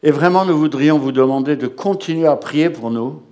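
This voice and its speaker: A man's voice: on the high side, moderate pace, darkish tone. A middle-aged man informally introducing guests and interpreting for a congregation, hesitant and conversational, often checking in with little tags. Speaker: church host and interpreter.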